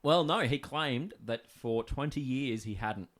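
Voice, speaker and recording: A man's voice: medium pitch, a little slow, fairly bright tone. A man co-hosting a podcast, trading crude jokes in casual banter. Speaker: podcast co-host.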